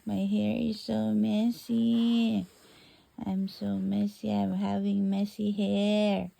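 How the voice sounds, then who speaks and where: A woman's voice: mid-range voice, level tone, very slow, creaky, mellow, pitched above the performer's own voice, heavily acted. A woman voicing her newborn baby girl in sweet, cooing baby talk.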